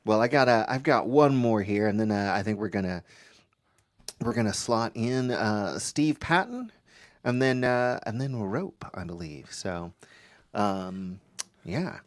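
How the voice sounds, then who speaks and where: A man's voice: on the low side, lively intonation, unhurried. A man who performs at an open mic, chatting casually between songs and rambling with many fillers and restarts. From Maryland area, USA.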